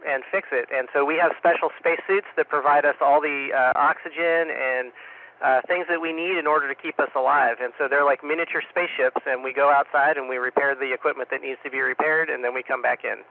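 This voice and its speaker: A man, an astronaut, answering students over a two-way radio link from space, friendly and unhurried with many filler pauses. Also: mid-range voice, fairly even intonation, vocal fry. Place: space station. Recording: tinny radio transmission with faint static.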